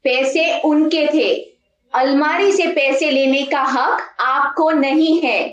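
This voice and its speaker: Picture a woman voicing a stern grown daughter, cold and reproachful. She speaks high and slowly, and her voice echoes in a home room. The sound is dull and lo-fi. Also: steady tone. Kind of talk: amateur stage drama performed from home.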